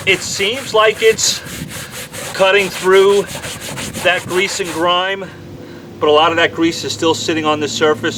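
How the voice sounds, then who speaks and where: A man with a New York accent reviewing a cleaning product in a casual, candid, quick-talking way, recorded outdoors on a windy day with a camera mic. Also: fairly high pitch. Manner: talks fast, chatty and candid. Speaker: auto detailer reviewing products. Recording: faint wind and outdoor noise. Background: outdoor ambience and breeze.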